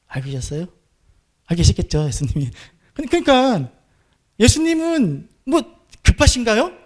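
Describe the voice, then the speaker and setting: A man's voice: sits high, wildly swooping pitch, moderate pace. A middle-aged man preaching a sermon, putting questions to the congregation and answering them himself in a dramatic, conversational way. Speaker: pastor.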